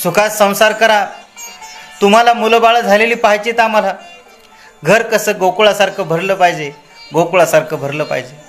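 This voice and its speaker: A man's voice: high-pitched, steady tone, normal speed, a bit bright, faint music behind, pitched above the performer's own voice. A man voicing a trembling elderly father who speaks in quavering, raised words of blessing. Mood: joyful.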